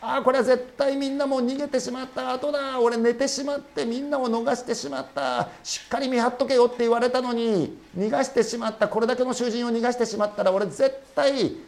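A man's voice: extremely high pitch, a little fast, hardly any pauses, a little mellow, voice pushed up. A man voicing a frightened Roman jailer who has just woken to find the cell doors open, blurting out his words frantically. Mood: panicked.

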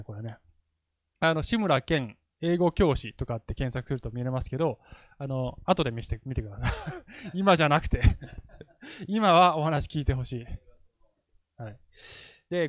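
A man's voice: a little high, dry recording. A man preaching a casual, chatty sermon as pastor, laughing easily as he talks. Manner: chatty and animated, laughs often.

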